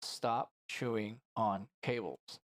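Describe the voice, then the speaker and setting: A man voicing a blunt, sarcastic male doctor in a video game, delivering his lines deadpan. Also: lowish voice, slow.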